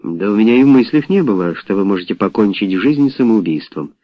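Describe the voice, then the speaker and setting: A man reading a reserved man with a dry, cold way of speaking in an audiobook. His low voice stays close. The recording is dull and dry. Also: animated, fairly quick, no echo. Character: cold, dry-humored male painter. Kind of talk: audiobook character voice.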